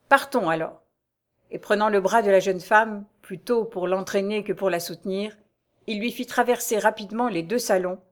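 A woman narrating a historical novel in a measured, dramatic storytelling manner. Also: medium pitch. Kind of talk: audiobook narration.

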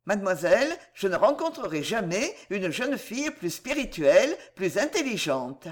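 Lady reader doing a polite but blunt young gent, a bit lower, earnest. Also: very animated, normal speed. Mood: courteous. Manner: courteous yet blunt, earnest. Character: frank, blunt young gentleman suitor.

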